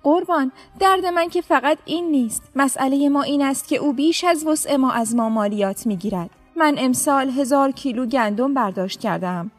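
A woman's voice: high voice, few pauses, soft background music, pitched above the performer's own voice, close to an everyday voice. A woman voicing a poor old bearded farmer who humbly pleads with a governor. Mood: pleading.

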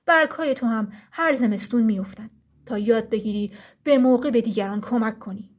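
A woman's voice: fairly high pitch, lightly acted. A woman voicing Frost, the powerful ruler of the forest in a storybook tale, speaking in a solemn, firm and scolding way. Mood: stern.

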